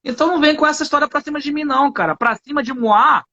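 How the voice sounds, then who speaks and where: A Brazilian man teaching English on a live stream, emphatic and full of slang. His voice is very high and bright, with a forceful edge. The recording sounds somewhat dull and lo-fi. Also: very fast. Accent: Brazilian Portuguese.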